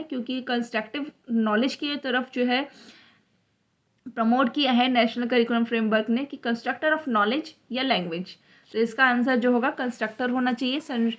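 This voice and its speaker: A woman teaching an online exam-prep lesson, explaining each question step by step and reading the English question text out slowly. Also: on the high side, a bit bright, lo-fi sound. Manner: explains step by step, mixes English terms into Hindi.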